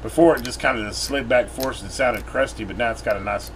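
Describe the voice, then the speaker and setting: A repair channel host speaks a little fast in a mid-range voice. He's a middle-aged American man at an indoor workbench, offering casual, rambling, folksy commentary as he thinks aloud about a repair, and a steady room hum like an air conditioner can be heard.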